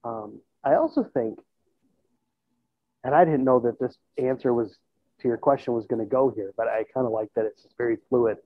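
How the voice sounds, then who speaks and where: Interviewed casually, a band teacher and musician in his thirties muses out loud in a conversational way, often adding "you know" or "right?". He speaks at medium pitch and a moderate pace. The recording is dry, tinny and band-limited, made through an earbud headset on a video call in a plain room.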